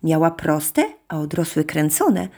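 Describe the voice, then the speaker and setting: A woman's voice: low voice, sing-song, measured pace, warm tone, heavily acted. A woman voicing a young girl in hospital, sweet and wistful. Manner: childlike, wistful.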